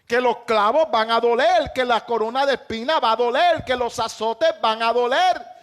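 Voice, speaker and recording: High-voiced impassioned male pastor preaching. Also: normal speed. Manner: impassioned preaching with shouted emphases. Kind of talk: sermon.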